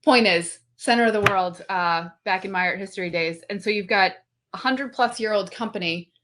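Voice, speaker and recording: A woman answers as a guest in a relaxed interview, speaking in an animated, eager way. Her sentences loop through fillers and fresh starts as she works through her points. Her voice sits in a middle register for a woman. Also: medium pitch, normal speed. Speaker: guest, company representative. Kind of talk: casual conversational interview.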